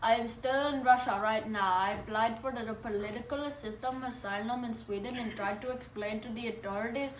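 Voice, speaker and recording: A woman's voice: a little high, steady tone, fairly quick, hardly any pauses, far from the mic. A woman speaking as an interview guest, giving scripted answers. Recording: echoey room, off-mic, faint noise.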